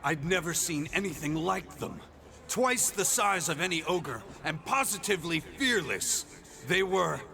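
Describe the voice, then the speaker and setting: A man's voice: on the high side, lively intonation, measured pace, creaky, a crowd in the background. A man voicing a wistful, disapproving craftsman spirit in a dramatic video game style. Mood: awed dread.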